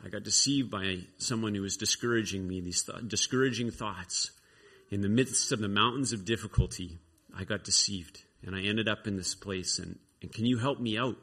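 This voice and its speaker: A man's voice: lowish voice, moderate pace, bright, forceful tone, slightly rough, full character voice. A man voicing Josiah, a weary, discouraged male pilgrim in a sermon story, pleading plainly.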